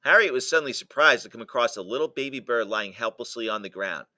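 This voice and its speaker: A male teacher reading a picture book aloud to a class, pausing to explain jokes and quiz his listeners. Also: mid-range voice, expressive, bright, forceful tone, no echo.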